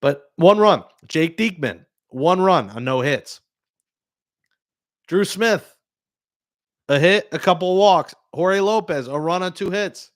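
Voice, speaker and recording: A man hosting a live postgame reaction show, talking through the game with excitable, joking fan commentary. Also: fairly high pitch. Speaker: sports talk host.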